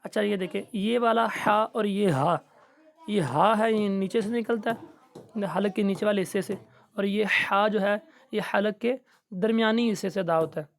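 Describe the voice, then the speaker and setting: A man teaching Quran recitation in a recorded lesson, patiently explaining and slowly drawing out each letter sound. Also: sits high, gravelly.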